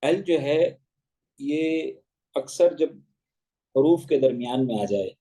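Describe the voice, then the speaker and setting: A man leads an online grammar class in a slow, unhurried delivery with a dark, mellow tone. He spells each word out letter by letter, then patiently sets the wrong pronunciation against the right one. His voice comes through an online class call. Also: medium pitch, expressive, low-quality recording. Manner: spells words letter by letter and contrasts pronunciations deliberately. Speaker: English teacher.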